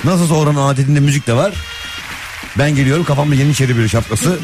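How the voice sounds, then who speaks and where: A man's voice: medium pitch, fast, background noise. A man hosting a radio show in casual, comic banter, teasing and acting out imagined scenes.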